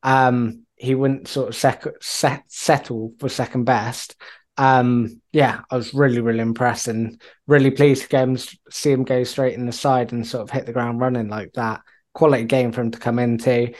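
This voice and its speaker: A man chatting on a football podcast, talkative and quick to laugh, often restarting his sentences. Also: medium pitch, fairly even intonation. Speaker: podcast co-host. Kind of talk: casual football podcast chat.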